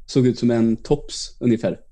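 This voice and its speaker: A man's voice: mid-range voice, fairly even intonation, dark tone. A man co-hosting a podcast, telling a school story with many hesitations. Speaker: podcast co-host. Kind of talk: casual storytelling.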